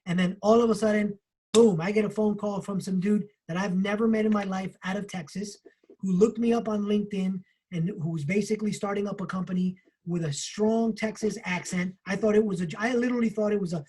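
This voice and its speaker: Husky-voiced man telling a story. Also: high-pitched, brisk. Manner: animated, swears casually. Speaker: book club co-host. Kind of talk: casual storytelling.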